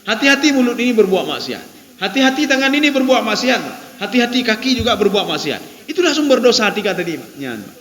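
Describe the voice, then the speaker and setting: A man's voice: very high voice, sing-song, quick pace, fairly bright tone. A man with an Acehnese accent giving a conversational sermon in a mosque. He keeps addressing his listeners directly and repeats phrases for emphasis. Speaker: Islamic preacher. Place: mosque hall. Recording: echoey mosque hall with long reverb.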